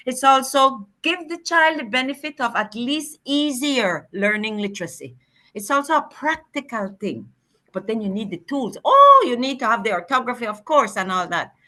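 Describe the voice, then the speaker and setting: A woman's voice: fairly high pitch, sing-song, normal speed, bright, forceful tone. A woman with a Belizean Creole accent, telling stories emphatically in an interview and acting out what people said. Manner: emphatic, acts out quoted dialogue. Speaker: guest, linguistics researcher and educator. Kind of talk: animated interview storytelling.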